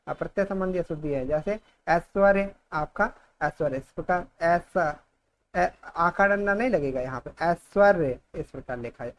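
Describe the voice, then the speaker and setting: Man teaching grammar at a steady pace. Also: on the high side, a little hiss or hum. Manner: repeats each word, dictating-style explanation. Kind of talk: Hindi grammar exam-prep lesson.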